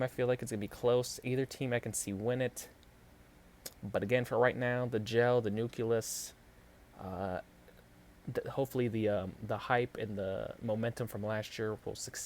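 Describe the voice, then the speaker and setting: Speaking at medium pitch with a darkish tone, this podcast host from New York gives casual football picks. His delivery is halting, packed with fillers and restarts.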